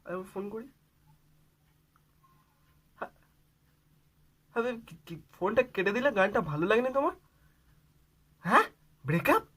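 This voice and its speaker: Young man, Bengali accent, bright voice, slightly high pitch, comedy phone skit, sweet-talking and pleading. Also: lively intonation, normal speed, long pauses. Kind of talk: one-sided phone call comedy skit.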